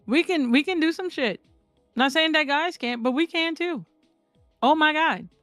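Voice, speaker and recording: Blunt, animated woman in candid chat. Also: sits high, normal speed, dry recording, soft background music. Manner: candid, blunt, swears freely, animated storyteller. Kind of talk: casual chat.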